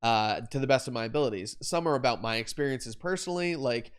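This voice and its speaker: A man's voice: medium pitch, lively intonation, fast talker, clean tone. A young adult man hosting a live photography Q&A stream, explaining lighting setups in a rambling, self-correcting way with fillers and repeated words. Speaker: photography livestream host.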